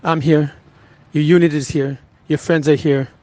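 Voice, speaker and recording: A rabbi recounting a personal story in an earnest, halting way, with frequent restarts. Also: male voice, on the high side, little pitch movement, a little mellow, dry recording, low-quality recording.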